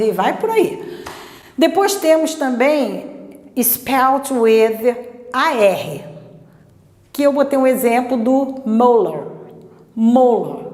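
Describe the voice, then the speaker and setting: A woman teaching an English pronunciation lesson, patient, repeating words slowly and checking in often. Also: a little high, a little mellow. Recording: echoey room with long reverb.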